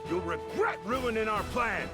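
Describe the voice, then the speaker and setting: A man voicing a gruff, boastful bandit king and proud father in a video game. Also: high voice, big pitch swings, unhurried, exaggerated voice. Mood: boastful menace. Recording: loud game music underneath.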